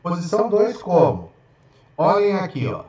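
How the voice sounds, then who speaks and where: Male teacher, explanatory, checks in often, fairly high voice, strong room echo, dull lo-fi sound. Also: huge pitch swings, a little mellow. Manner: spells out examples slowly, syllable by syllable. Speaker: Portuguese teacher. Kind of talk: grammar lesson for exam students.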